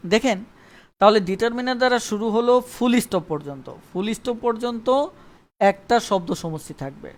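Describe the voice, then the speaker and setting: A man teaching an online English grammar lesson live. He repeats points and keeps checking that viewers understand. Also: high-pitched. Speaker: English tutor.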